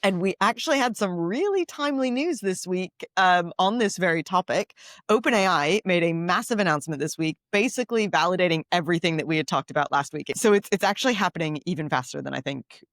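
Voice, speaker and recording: A woman with a cold co-hosts a podcast in easygoing chat, her voice pitched on the low side. She is talkative and laughs easily, often repeating a phrase back. The sound is close and dry, with no room around it. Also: lively intonation, fast talker, a bit bright, no room sound. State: has a cold. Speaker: podcast co-host.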